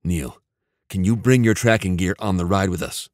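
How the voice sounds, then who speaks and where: A male narrator voicing a brisk, commanding male team leader. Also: low-pitched, dry recording, studio quality, close to an everyday voice.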